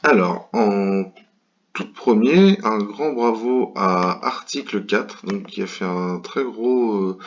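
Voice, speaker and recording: A man's voice: fairly low pitch, slow pace, dull audio. A man from France commentating an online bridge tournament in a casual, hesitant way, with many fillers and restarts.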